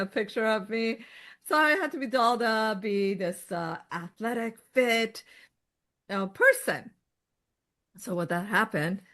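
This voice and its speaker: A middle-aged woman from Iran, a guest in an interview, talking in a lively way and often laughing as she tells her story. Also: medium pitch. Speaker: podcast guest. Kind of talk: conversational interview.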